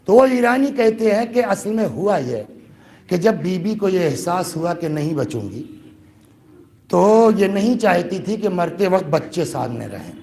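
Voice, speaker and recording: A man from India preaching a majlis sermon to mourners. He asks the listeners rhetorical questions, and his voice swells into loud grieving cries. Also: high-pitched, lively intonation. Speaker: Shia cleric addressing a majlis. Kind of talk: majlis sermon rising to a lament. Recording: live gathering with crowd noise. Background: audience of mourners.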